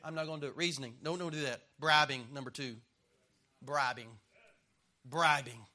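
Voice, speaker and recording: A middle-aged man preaching with a high, cutting voice that rings sharply at the top. He hammers each point home, trades quips with his listeners and leans on call-and-response. He is a pastor in full sermon mode. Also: steady tone, moderate pace, pushed and bright. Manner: emphatic, punchy and joking, with call-and-response.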